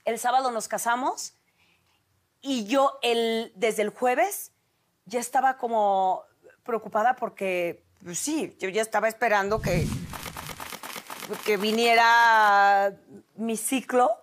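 A woman in her forties with a Mexican Spanish accent tells a personal story as a TV host. Her voice sits a little high, and she is lively and expressive, acting out the lines of the people she remembers. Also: slow, long pauses.

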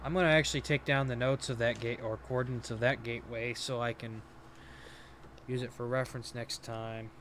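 A man's voice: medium pitch, fairly even intonation, fairly quick. A young man with a mid-range voice chats through his gameplay as he plays, explaining every step aloud to his audience. The recording was made on a home desk mic and carries a faint background hiss. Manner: chatty, talks through each step aloud. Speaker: let's play host. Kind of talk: casual gameplay commentary.

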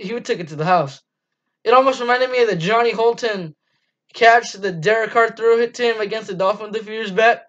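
Recorded through dull, lo-fi webcam audio, this teen fan channel host gives a casual postgame sports review from a small dim room. His pitch is extremely high, pushed and bright. He's enthusiastic, and his monologue is full of ums and restarts.

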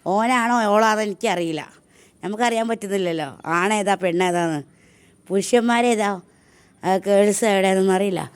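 A woman's voice: mid-range voice, moderate pace, clean tone. A woman, chatting casually to her viewers in a homely home vlog. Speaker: home vlogger. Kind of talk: casual chat to camera.

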